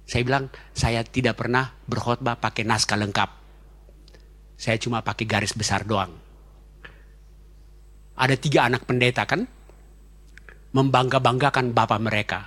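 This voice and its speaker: Male pastor, quick and chatty, jokes through his sermon. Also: medium pitch, steady tone, a bit bright. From Indonesia. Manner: fast-talking, joking, chatty storytelling.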